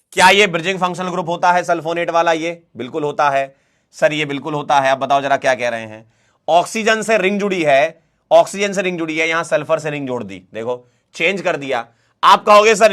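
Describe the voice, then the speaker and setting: Male chemistry teacher, fairly high voice, playful and coaxing, lively class delivery. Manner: lively, playful, coaxing students through questions. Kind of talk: online class lecture.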